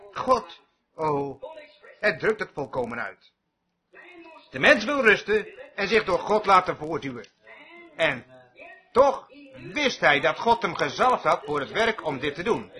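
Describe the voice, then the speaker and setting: A man's voice: high-pitched, sharp tone. A man preaching a sermon emphatically, often checking whether his listeners follow him. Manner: emphatic, asks the audience questions.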